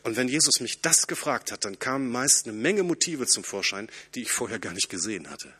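Earnest male preacher with a bright, husky voice. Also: medium pitch, fairly quick. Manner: earnest, lively preaching that swings between emphatic and hushed. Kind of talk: sermon.

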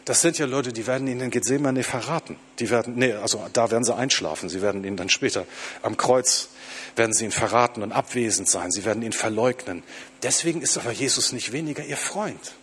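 A man preaching a sermon to his congregation, slowing down to stress quoted lines. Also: medium pitch, a bit bright, a little hiss or hum.

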